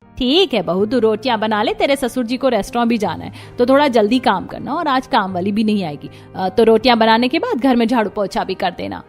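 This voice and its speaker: A woman's voice: a little high, lively intonation, soft background music, close to an everyday voice. A woman doing a bossy cartoon mother-in-law. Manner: commanding, hurried orders.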